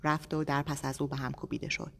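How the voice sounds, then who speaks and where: A woman narrating an audiobook in a measured, steady reading voice. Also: sits low, creaky. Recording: long echoey reverb.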